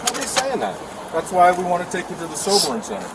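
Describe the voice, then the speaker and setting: A man's voice: high-pitched, huge pitch swings, fast. A male police officer patiently coaxing and instructing a detainee, caught on an outdoor body camera. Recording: noisy outdoor police bodycam, car noise.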